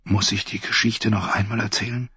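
A man voicing a frightened, tired young girl with a quiet, anxious manner in a storybook reading. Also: lowish voice, level tone, brisk, breathy edge, dry recording, lo-fi sound, full character voice.

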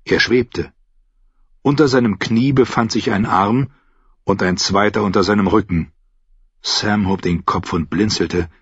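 Male audiobook narrator, low husky voice, very slow, dry, slightly muffled recording. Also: no echo. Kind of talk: scripted narration.

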